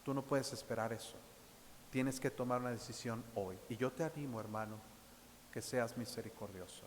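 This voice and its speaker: Preaching pastor in a reverberant church. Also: male voice, mid-range voice, normal speed, slight background noise. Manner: emphatic preaching, addresses listeners as brothers; reads scripture aloud. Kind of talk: sermon.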